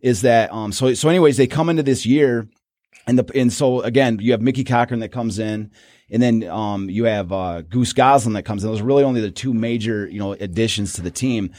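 A man's voice: medium pitch, fairly quick, darkish tone, no echo, clean studio sound. A man co-hosting a casual sports history podcast, rambling with many restarts. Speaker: podcast co-host.

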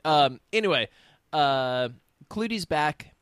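A woman co-host recaps television in a casual, wry style full of comic exaggeration. Her pitch swings widely and expressively. The recording is dry and close. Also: lively intonation, takes it slowly, clean tone, no room sound. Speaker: podcast co-host. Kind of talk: casual chat recapping a TV episode.

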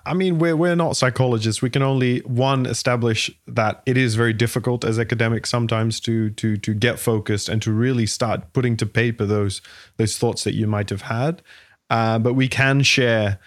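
A man's voice: medium pitch, no echo. A man co-hosting an academic podcast from his home attic office, speaking with dry, light sarcasm. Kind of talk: casual academic discussion.

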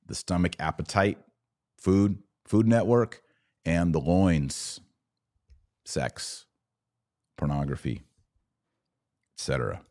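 With a deep, slightly mellow voice, an American man hosts a podcast, speaking slowly and pausing often. His opinionated live take on religion and politics is emphatic, delivered in short, clipped phrases.

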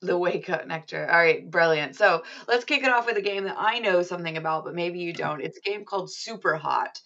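A woman's voice: fairly low pitch, a little fast, bright, forceful tone, muffled recording. A woman hosting a casual gaming podcast, chatty and upbeat with frequent ums. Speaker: podcast host.

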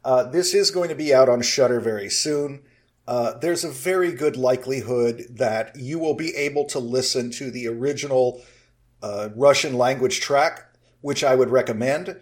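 A man hosting a podcast, casually reviewing a movie in a measured, talkative way with frequent "uh" fillers. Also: mid-range voice. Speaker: film review podcast host.

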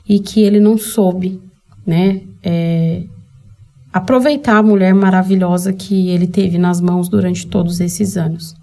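Brazilian woman, vlog host; warm, soft tone, candid and emotional, talks straight to her audience. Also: mid-range voice. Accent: Brazilian Portuguese. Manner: candid, emotional, speaks directly to viewers. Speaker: channel host. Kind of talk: personal storytelling vlog.

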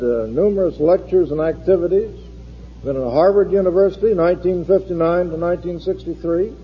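A man's voice: a little high, slightly rough. A man chairing a forum, giving a formal introduction with dry joking asides, his voice echoing through a big hall. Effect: big hall echo. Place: large lecture hall. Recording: lo-fi archival recording, long hall reverb.

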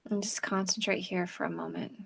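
Woman meditation guide, soothing and unhurried, with a gravelly voice. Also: fairly low pitch. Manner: slow, calm and soothing, with pauses between phrases.

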